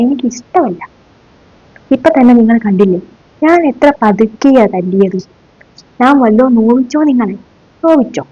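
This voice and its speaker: A woman's voice: a little high, mellow, slightly rough, no room sound. A woman in a comic sketch playing a stern, sarcastic middle-aged female schoolteacher, who scolds her class with mocking rhetorical questions. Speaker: sketch comedian. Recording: dull dry lo-fi recording.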